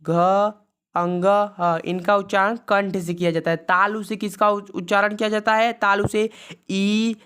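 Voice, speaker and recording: A woman teacher reviews a grammar lesson. Her voice is smooth and clear at a middle pitch, and she spells out lists of letters one by one and says the rules twice. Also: level tone, a bit bright. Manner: recites letter lists slowly and repeats rules.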